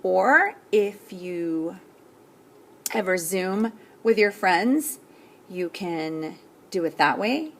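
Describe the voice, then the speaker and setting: Slow, patient woman teaching a lesson. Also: on the low side, expressive, fairly bright tone. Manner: patient, step-by-step explaining with frequent "okay?" checks. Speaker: Spanish teacher. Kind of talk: recorded classroom lesson.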